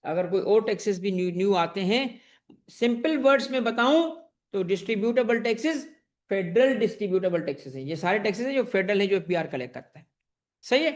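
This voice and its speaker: A man with a high voice, lively intonation and a brisk delivery runs an online-streamed tax exam-prep class. Rapid questions go out to the students, he answers them himself, speaks to them warmly, and drills the key points repeatedly.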